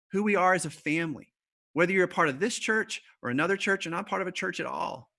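Bright-voiced man preaching a sermon. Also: on the high side. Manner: conversational preaching with fillers and repeated starts, slowing for emphasis. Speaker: pastor. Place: church service streamed online.

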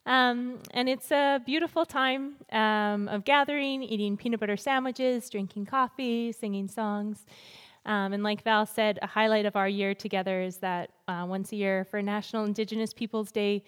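A woman's voice: medium pitch, fairly even intonation, normal speed, few pauses, clean tone. A woman guest speaker addressing a church congregation in an informal way. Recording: reverberant hall sound.

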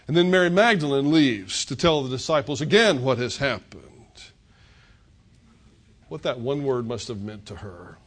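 A man's voice: mid-range voice, expressive, normal speed, pauses often. An older man preaching a sermon, retelling scripture as a story and voicing the characters' words. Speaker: pastor.

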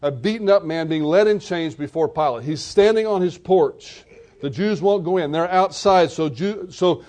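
Male preacher, high voice, vivid storyteller delivering a sermon. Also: moderate pace, a little mellow. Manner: vivid storytelling, retelling scenes.

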